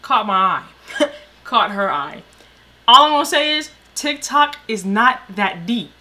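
A woman co-hosting a reaction video, loud, joking and full of slang. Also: a little high, lively intonation, unhurried. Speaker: reaction channel co-host. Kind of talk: casual reaction chat.

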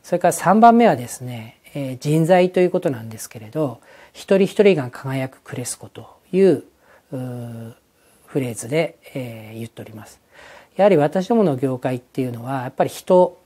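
Husky-voiced man explaining with many pauses. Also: medium pitch, expressive, mellow. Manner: hesitant, with frequent fillers. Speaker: company executive. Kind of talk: interview answer.

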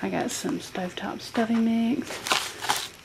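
A woman's voice: mid-range voice, steady tone, slow pace. A woman listing groceries from her table in a casual home video, with plenty of ums as she goes item by item. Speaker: vlogger showing a grocery haul. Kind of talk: casual haul video narration. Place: home kitchen table, indoors. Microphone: handheld camera filming a tabletop. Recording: home camera audio with clear noise.

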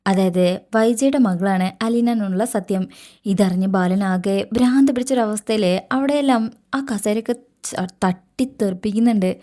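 A woman recaps a serial episode in steady, matter-of-fact narration. Her voice is mellow and dark, at an ordinary pitch. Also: moderate pace.

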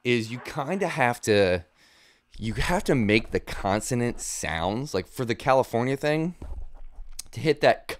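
Unhurried and animated, a medium-pitched male voice walks through guitar gear in a casual, instructional chat. The man, in his thirties, thinks aloud as he explains, sitting close to a studio mic on a boom arm in a small home studio.

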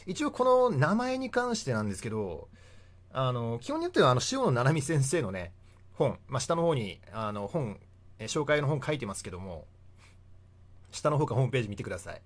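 Man in his young adult years, relaxed and talkative as a history explainer, lively up-and-down delivery. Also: medium pitch, brisk. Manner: chatty, laughs often between points. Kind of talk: casual history lecture.

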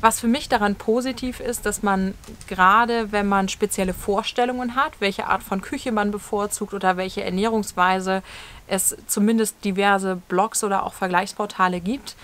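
Woman explaining views in a relaxed garden chat. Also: medium pitch, normal speed. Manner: fluent, explanatory, steady. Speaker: channel co-host. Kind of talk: casual discussion to camera. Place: outdoors in a leafy garden, evening.

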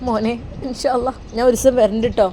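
A woman voicing a tender, grieving middle-aged mother, speaking softly and affectionately. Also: on the high side, fairly even intonation, fairly quick, a little hiss or hum, lightly acted. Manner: soft, affectionate, pleading.

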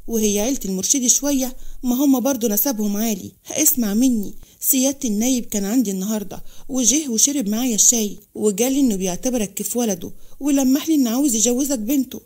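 A woman's voice: a little high, fast, dark tone, lightly acted. Woman voicing an old Upper Egyptian farmer father. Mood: calm.

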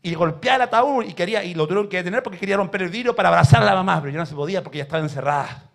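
A man preaching a sermon in a church, telling stories with emotion and swinging from soft to loud. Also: high-pitched, lively intonation, very fast, vocal fry. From Chile.

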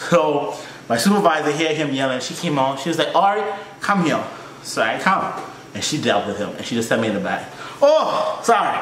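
A man hosting a reaction video who tells a story of his own in a casual, animated way, laughing often and swearing freely. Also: medium pitch, a little fast. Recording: roomy, faint noise.

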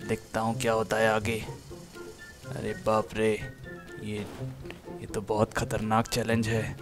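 A man's voice: on the low side, completely flat delivery, measured pace, over music, natural voice. A man voicing a boastful male tree creature, talking to himself in a game voiceover. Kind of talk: game voiceover role-play.

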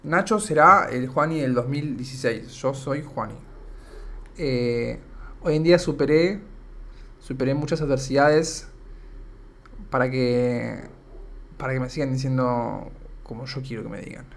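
A man's voice: mid-range voice, measured pace, creaky, long pauses, a bit bright. A young man with an Argentine accent, chatting casually on a live stream and reading comments aloud, his voice a bit worn out. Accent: Argentine Spanish. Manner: chatty, rambling, reads chat aloud.

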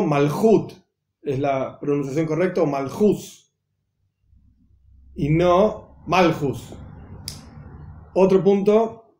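A man, a rabbi, teaching Hebrew reading rules in a patient, methodical voice-over, spelling out each example slowly. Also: fairly high pitch, mellow, roomy sound. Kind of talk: explanatory lesson voice-over.

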